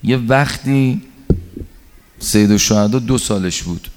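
A man's voice: fairly low pitch, darkish tone. A male preacher telling stories in a sermon, shifting between narration and acted quotes. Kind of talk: sermon storytelling. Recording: long hall reverb.

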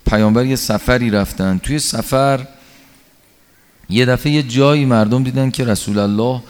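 A male preacher telling stories in a sermon, shifting between narration and acted quotes. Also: mid-range voice. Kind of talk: sermon storytelling. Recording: long hall reverb.

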